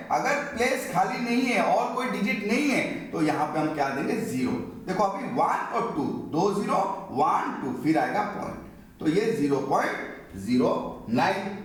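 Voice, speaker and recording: Lively teacher in an echoey room. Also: male voice, high voice, far from the mic. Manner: explains step by step, asks and answers his own questions. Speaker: maths teacher. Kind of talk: classroom maths lesson at a board.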